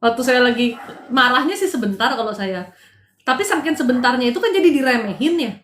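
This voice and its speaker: A woman's voice: high voice, lively intonation, a little fast, a bit bright. A middle-aged woman counseling live-stream viewers on their marriages in casual chat, direct and scolding by turns, sometimes dropping in English phrases. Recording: roomy echo.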